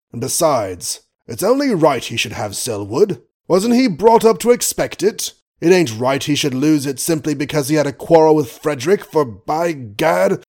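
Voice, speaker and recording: A male narrator puts on a gruff old colonel, blustering and fond, his voice swinging widely up and down in bursts of mock outrage. He mutters oaths and chuckles at his own jokes, in a storybook reading. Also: a little high, a little mellow, voice pushed up. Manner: blustery, chuckling, swearing mildly.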